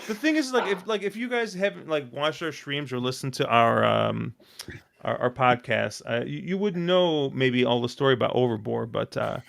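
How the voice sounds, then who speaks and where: A man hosting a casual podcast, telling long, excitable stories full of fillers and restarts. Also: mid-range voice, moderate pace, vocal fry. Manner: rambling, excitable storytelling with many fillers. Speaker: podcast host.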